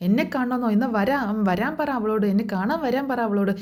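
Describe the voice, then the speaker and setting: A woman voicing a furious father lying in a hospital bed in a retold TV serial, demanding and sharp. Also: fairly high pitch, a little fast, lightly acted.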